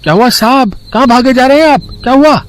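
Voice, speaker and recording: A man's voice: very high voice, fairly quick, a little hiss or hum. A man voicing an old male caretaker in a cartoon horror story, giving earnest, pleading warnings. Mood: worried.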